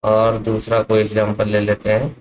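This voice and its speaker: A man's voice: lowish voice, completely flat delivery, normal speed, a little mellow, poor audio. A man teaching an English grammar lesson, asking his class questions and answering them himself. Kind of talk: classroom lesson explaining at a board.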